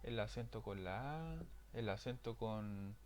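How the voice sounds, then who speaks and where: A man's voice: on the low side, lively intonation, measured pace, slight background noise. A man teaching programming in a screen-recorded lesson, checking in often with his students. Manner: frequent "¿ya?" check-ins, explanatory.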